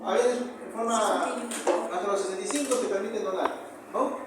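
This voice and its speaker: At a moderate pace, a high-pitched male histology professor with a Peruvian Spanish accent gives a university lecture, repeating key terms and putting rhetorical questions to the class. The room is very echoey and noisy, and he's far from the mic.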